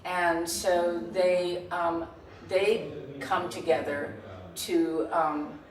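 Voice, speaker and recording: A low-pitched older woman talks about her acting career in a halting, friendly way, often repeating the first words of a phrase. She sounds distant from the mic in a reverberant room, with music faint behind her. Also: little pitch movement. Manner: warm, halting, searches for words with many restarts. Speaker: lead actress. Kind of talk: casual interview chat. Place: festival event room.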